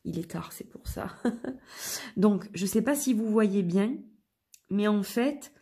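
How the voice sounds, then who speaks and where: This woman, a tarot reader fighting a head cold, gives a chatty reading to camera with a stuffy nose and a sore, hoarse throat. Her mid-range voice has a rough, husky, gravelly quality with plenty of vocal fry, and she talks slowly. Relaxed and rambling, she corrects herself often and drifts into fillers.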